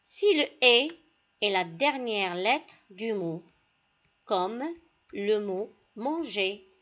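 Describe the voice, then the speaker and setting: A woman teacher giving a classroom lesson, speaking deliberately and addressing her pupils directly. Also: medium pitch, highs cut off. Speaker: primary school teacher.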